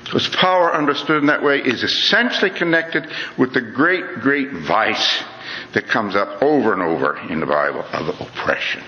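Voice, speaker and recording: A middle-aged man gives an earnest, conversational lecture to an audience, reflecting aloud in an animated, mid-range voice at a normal pace. He often says "you know" and restarts his phrases. The lo-fi recording sounds dull and echoes around a reverberant hall.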